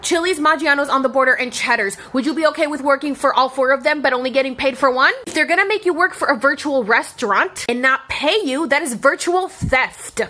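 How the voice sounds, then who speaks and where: A Florida woman in her thirties, a former longtime restaurant server turned content creator, delivers a heated, profane, sarcastic rant about her job in an angry vlog. Her high, pushed, bright voice moves fairly quickly with hardly any pauses.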